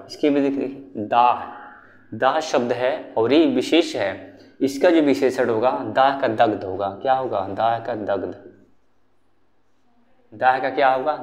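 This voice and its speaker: A man's voice: mid-range voice, measured pace. Young male tutor, online exam-prep lesson, drills by asking and repeating each answer. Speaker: Hindi grammar teacher.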